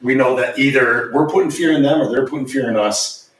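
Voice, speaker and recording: A man's voice: mid-range voice, a little fast, far from the mic. A man speaking as a podcast host and former player, with blunt, assertive, casual commentary. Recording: echoey room, off mic, faint noise.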